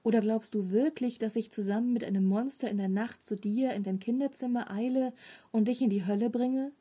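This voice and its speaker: Lady reading as a gentle young boy, calm, soft mellow voice. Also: on the high side, fairly quick, slightly rough. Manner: calm and soothing. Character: nine-year-old boy, brave, kind.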